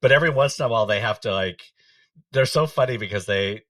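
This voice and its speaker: Low-voiced middle-aged man hosting a podcast. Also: fast talker, dry recording, far from the mic. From United States. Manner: relaxed, laughs often, loose trailing sentences. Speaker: podcast host. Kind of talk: casual conversation.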